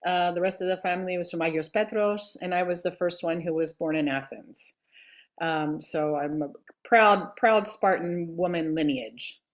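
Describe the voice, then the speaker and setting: Earnest woman legislator guest with a somewhat low voice, halting with pauses. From Greece and Delaware. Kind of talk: interview conversation.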